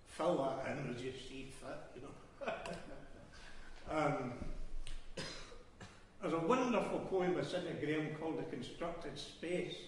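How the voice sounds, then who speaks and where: Speaking slowly with long pauses, a Scottish man from Glasgow whose voice runs high wanders through a live poetry reading full of digressions, ems, and ehs. The recording has a little hiss or hum, and his voice comes from a distance in an echoey hall.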